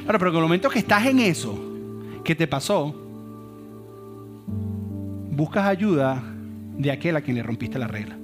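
Pastor predicando con guitarra de fondo. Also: male voice, fairly high pitch, moderate pace, long pauses. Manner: animated storytelling, swings between loud and hushed. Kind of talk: sermon. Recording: guitar music playing underneath.

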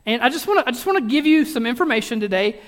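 A pastor with a high-pitched, slightly bright voice delivers a loose, joking sermon very fast and with lively intonation, chatty and full of restarts. He pokes fun at himself and his listeners, and a long reverb from the large church sanctuary trails his words.

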